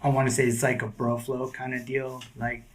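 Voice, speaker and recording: Fairly quick and medium-pitched, this man's voice belongs to a guest skateboarder chatting loosely on a podcast. He keeps it relaxed and slangy, full of "like" and "dude."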